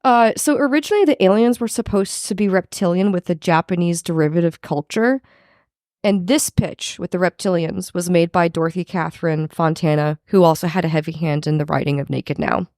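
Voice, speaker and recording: Woman podcaster with heavy vocal fry. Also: lowish voice, fairly quick, a little mellow, no room sound, studio quality. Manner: informal, swearing, frequent "like". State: husky from recent covid. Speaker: podcast co-host. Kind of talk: casual recap chat.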